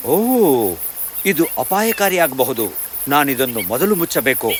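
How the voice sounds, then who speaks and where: A man's voice: medium pitch, expressive, measured pace, over music, lightly acted. A man voicing a humble, poor young male painter in a cartoon story, polite and deferential. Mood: worried.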